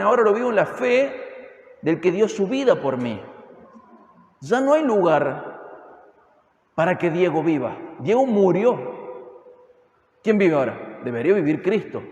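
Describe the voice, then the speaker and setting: A man's voice: sits high, darkish tone. A man preaching an expository sermon with an Argentine accent from Córdoba, pressing the congregation with emphatic rhetorical questions. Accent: Argentine Spanish (Córdoba). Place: church hall. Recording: echoey hall with long reverb.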